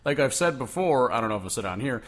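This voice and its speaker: A young man co-hosts a casual podcast chat, speaking loosely and filling his points with lots of "like." His mid-range voice is animated, a bit bright and very fast.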